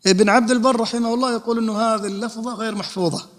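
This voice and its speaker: A man's voice: very high-pitched, fairly even intonation, racing. A man, an Islamic scholar, giving a religious lesson and explaining rulings by posing and answering his own questions. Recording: long hall reverb.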